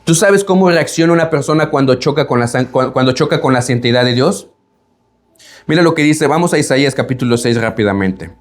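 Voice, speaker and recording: A man's voice: mid-range voice, animated, brisk. A man preaching a sermon in an emphatic way, putting rhetorical questions to his listeners and repeating words for emphasis.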